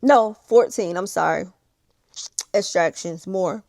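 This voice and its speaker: Creaky-voiced woman with toothless articulation. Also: medium pitch, slow pace, darkish tone, dry recording, studio quality. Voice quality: missing-teeth, slightly slushy toothless articulation. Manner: candid, repeats phrases for emphasis. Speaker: vlogger. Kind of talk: casual confessional vlog chat. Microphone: small handheld vlogging camera.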